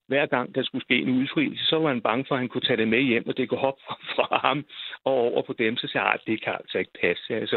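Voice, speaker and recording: Heard on a tinny phone line, a medium-pitched older male voice meanders through a personal story, with no echo on the recording. He tells it casually, stumbling over hesitations and repeated words.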